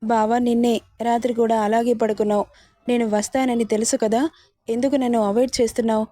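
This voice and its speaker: A woman's voice: on the high side, level tone, fast, warm tone, no echo, clean studio sound, natural voice. A woman voicing a playful, coaxing young wife. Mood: pleading. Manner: coaxing, teasing.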